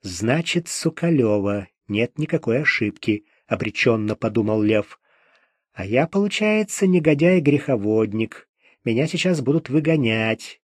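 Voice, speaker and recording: A man's voice: mid-range voice, animated, a little slow, darkish tone, no room sound. A man narrating an audiobook detective story with dry, wry irony. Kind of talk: scripted narration.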